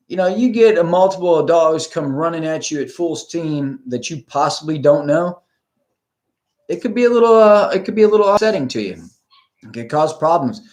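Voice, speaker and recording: A man's voice: a little high, darkish tone. Blunt, rambling male dog trainer. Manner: rambling, with many restarts and fillers; blunt and plain-spoken, with mild swearing. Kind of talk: casual talk, like a live stream.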